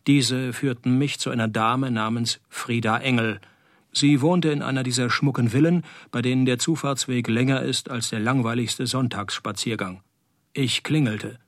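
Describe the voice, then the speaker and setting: A man playing a wisecracking, world-weary private detective in a noir radio drama, with a dry, sardonic, deadpan delivery. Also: mid-range voice, no room sound, close to an everyday voice.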